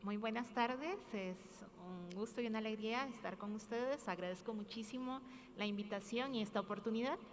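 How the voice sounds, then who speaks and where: A woman's voice: a little high, quick pace. Young woman in a hall. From Costa Rica. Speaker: youth representative speaker. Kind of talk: formal conference speech. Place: large conference hall. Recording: long hall reverb, faint ambient noise.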